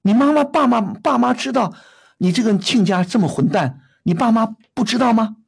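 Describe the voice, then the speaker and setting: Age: middle-aged. Sex: man. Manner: harsh, scolding advice host with a husky, swooping voice. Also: extremely high pitch, lively intonation, moderate pace. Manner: harsh scolding, blunt rhetorical questions. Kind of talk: call-in advice show.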